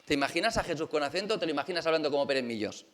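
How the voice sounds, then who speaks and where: A man's voice: on the high side, animated, rapid-fire, fairly bright tone, faint music behind. A man from preaching a conversational sermon in a church, chatty and full of rhetorical questions to the congregation. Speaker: pastor.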